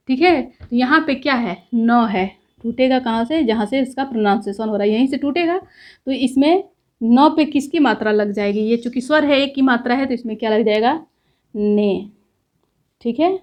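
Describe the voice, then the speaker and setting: A woman's voice: on the high side, darkish tone. A woman teaching a grammar lesson, explaining step by step and checking in often with the class.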